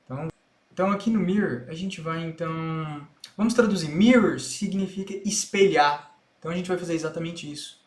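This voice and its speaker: Male Brazilian English teacher, patient step-by-step explainer, somewhat high pitch, echoey room. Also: a little fast. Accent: Brazilian Portuguese. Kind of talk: explanatory online lesson.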